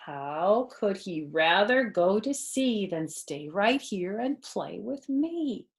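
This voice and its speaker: Reading to the children in the living room, she keeps her voice mid-range and goes slowly. She's a grandmother in her fifties who reads with feeling, drops in simple asides, makes unfamiliar words easy to grasp, and asks the kids questions along the way.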